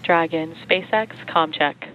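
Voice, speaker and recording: A woman's voice: low voice, slow pace, noisy background. A woman mission controller giving terse, procedural callouts over a tinny space-to-ground radio link. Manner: clipped, procedural. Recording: tinny dry radio line.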